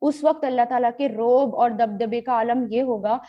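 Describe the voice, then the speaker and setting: A woman teaching a Quran grammar and tafseer lesson, glossing each word slowly and mixing in English terms. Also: fairly high pitch, highs cut off. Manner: slow, drawn-out word-by-word glossing with rhetorical questions; mixes English terms into explanations.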